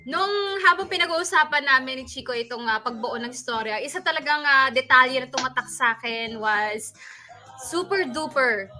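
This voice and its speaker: A woman hosting a radio talk show, leading into a story in a quick, upbeat way. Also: high-pitched, bright, forceful tone, faint music behind. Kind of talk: casual studio chat.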